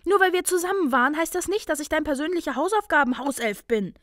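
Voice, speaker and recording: A woman voicing a clever, self-assured young witch student, brisk and bright. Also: high-pitched, animated, dry recording, studio quality, voice pushed up. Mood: indignant.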